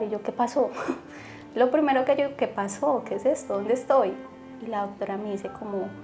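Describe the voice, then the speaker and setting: A young woman from Colombia, a guest telling a personal story, vividly acting out the dialogue. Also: mid-range voice.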